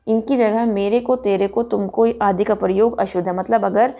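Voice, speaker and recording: A woman teaching a Hindi grammar lesson for children, pronouncing each word slowly and deliberately. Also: mid-range voice, steady tone, mellow. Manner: slow and deliberate, drawing out words.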